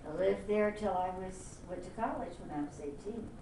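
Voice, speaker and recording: In an oral history interview, an older woman from Miami, Florida plainly and reflectively recalls her youth in a gravelly, mid-range voice at a moderate pace. The room is echoey, the mic sits at a distance, and there's faint hiss.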